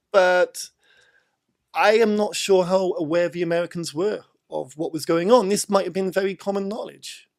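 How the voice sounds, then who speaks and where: A British man with a fairly high voice talks casually about film. He lays out his points step by step, repeating words for emphasis.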